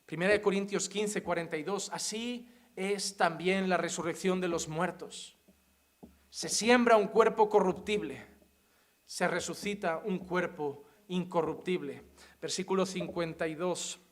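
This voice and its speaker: Impassioned high-voiced preacher. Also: male voice, measured pace. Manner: impassioned, swings from hushed to shouting. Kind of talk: sermon.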